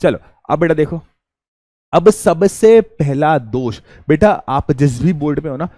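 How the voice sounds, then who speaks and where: A young man teaches a class in a calm, unhurried, chatty way, often posing a question and then answering it himself. His voice sits fairly high but has a mellow tone. The sound is dry and close. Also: no room sound. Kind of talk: classroom lecture.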